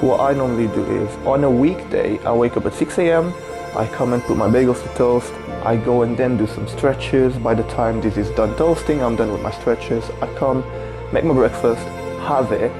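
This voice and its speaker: A man in his twenties from Portugal, narrating his own documentary vlog in an earnest, conversational way. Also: medium pitch. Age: 20s. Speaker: vlogger.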